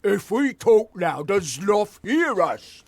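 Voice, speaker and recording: An actor playing a dim-witted male troll worker who speaks in broken grammar, slow and simple. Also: high-pitched, very animated, dry recording, heavily acted. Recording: game audio with faint music.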